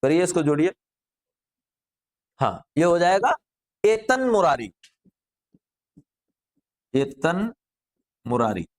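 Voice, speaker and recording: A man's voice: a little high, sing-song, slow pace, pauses often. A middle-aged man teaching a grammar class, drilling students with repeated rhetorical questions.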